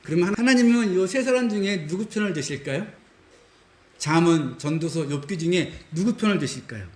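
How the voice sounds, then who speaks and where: Guy teaching bible class, real animated, talks right at you, echoey room. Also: sits high, brisk. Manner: emphatic, dramatizes quotes, addresses audience directly. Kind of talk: animated lecture.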